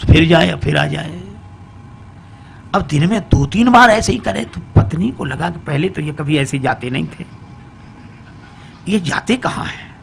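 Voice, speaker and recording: A man preaching a humorous Hindi story sermon, singing slow verses and then telling the tale in a lively storytelling way. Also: on the high side, creaky, slight background noise. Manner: alternates slow sung verses with lively storytelling, voicing characters briefly.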